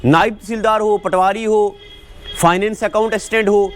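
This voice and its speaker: A man delivering a rhyming promotional pitch for live exam-prep classes. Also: steady tone, normal speed. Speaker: course promoter.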